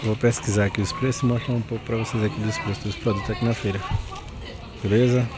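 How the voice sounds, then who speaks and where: A man's voice: on the low side, level tone, fast. A Brazilian man hosting a casual walking vlog, giving repetitive, conversational remarks on what he sees. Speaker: vlogger, channel host. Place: outdoor street market. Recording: busy street market crowd noise. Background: loud crowd and street bustle.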